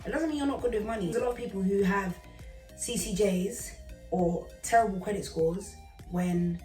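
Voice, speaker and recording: A woman's voice: mid-range voice, normal speed, mellow, faint music behind. A woman, giving emphatic advice in a casual chat. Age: 30s. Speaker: guest. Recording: roomy and distant from the mic.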